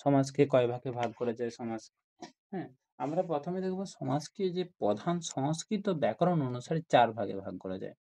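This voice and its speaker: A man's voice: mid-range voice, expressive, fairly quick, warm tone. A man teaching a grammar lesson to school students, explaining step by step and often asking questions like "isn't it?".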